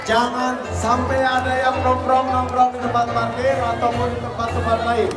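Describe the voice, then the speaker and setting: High-voiced man over a PA loudspeaker. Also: completely flat delivery, normal speed. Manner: firm, repeated instructions. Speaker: school announcer. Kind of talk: public announcement. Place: outdoor school ceremony field. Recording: echoey PA from far off, music and crowd.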